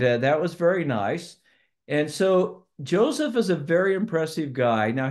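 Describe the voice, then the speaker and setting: Older guy on a webcam call, kinda higher voice, easygoing intro full of uh's and restarts. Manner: relaxed, folksy, with fillers and restarts. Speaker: board member introducing the speaker. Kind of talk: casual introduction on a video call. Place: home room with shelves. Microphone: webcam on a video call.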